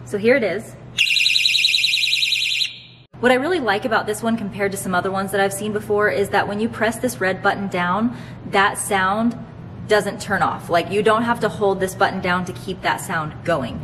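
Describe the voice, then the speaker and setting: Female product presenter, 30s, mid-pitched, conversational explainer, recorded in a large warehouse with noticeable ambient noise. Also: normal speed, fairly bright tone. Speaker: host presenting her store's products. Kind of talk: product demonstration to camera. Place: large open warehouse, indoors.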